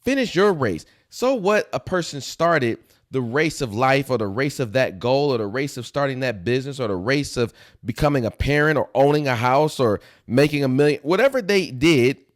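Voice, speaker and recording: A middle-aged man giving an emphatic motivational talk, repeating key phrases for effect. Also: medium pitch. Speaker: motivational speaker.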